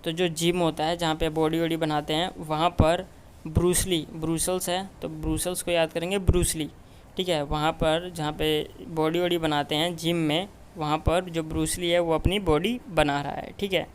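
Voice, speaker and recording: A man with a fairly high-pitched voice teaches a memory tutorial on mnemonics, speaking at a moderate pace in a flat delivery with a little hiss or hum on the audio. He explains step by step, constantly repeating "ठीक है" and checking in with "okay" after nearly every phrase.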